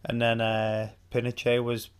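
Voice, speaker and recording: A man's voice: medium pitch, monotone, unhurried, clean tone. A young English man co-hosting a podcast, patiently explaining music trivia in casual album commentary. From England. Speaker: podcast co-host.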